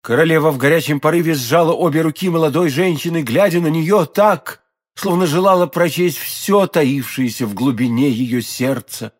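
Guy narrating an audiobook, measured and expressive, kinda high voice. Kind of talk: scripted narration of a classic novel.

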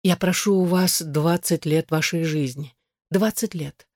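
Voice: mid-range voice, a little slow, a little mellow, dry recording, clean studio sound. A reader of an audiobook voicing a passionate, jealous woman who pleads and demands urgently. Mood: pleading, anguished.

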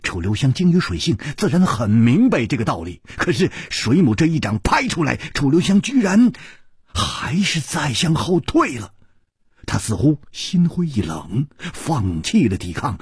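A man's voice: medium pitch, breathy edge, no echo, clean studio sound. A male storyteller narrating a traditional Chinese tale with dramatic, rising and falling delivery.

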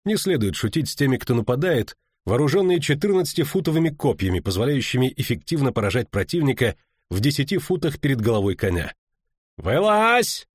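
Narrator: man, lively intonation, dry close recording. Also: mid-range voice, quick pace, breathy edge, no room sound. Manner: expressive storytelling. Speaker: audiobook narrator. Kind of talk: scripted narration.

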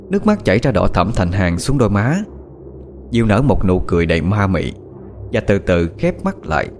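A man's voice: low voice, a little hiss or hum. A man narrating a ghost story in a dramatic, suspenseful way. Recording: soft music behind the voice.

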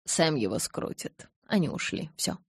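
A woman reading the part of a calm, icy vampire man, speaking low and measured. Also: slightly rough, no room sound, studio quality, heavily acted. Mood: cold calm.

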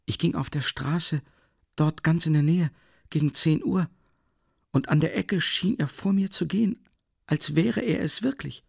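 A man voicing a timid, anguished young woman who pleads in a breathy, rising voice, in a dry audiobook reading. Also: a little high, unhurried, no echo, pitched above the performer's own voice, heavily acted. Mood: pleading, distraught.

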